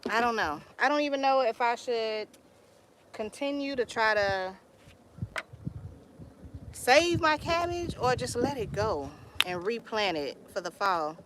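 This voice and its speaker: With a voice on the high side, this young Texan woman is expressive and unhurried, pausing often as she chats on a live stream from her garden. She greets viewers and tells stories in Southern slang, against a noisy background outdoors.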